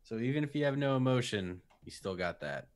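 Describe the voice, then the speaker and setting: Wry young man, lively intonation. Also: medium pitch, a little fast. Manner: wry, dry humor. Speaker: podcast co-host. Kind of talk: casual chat.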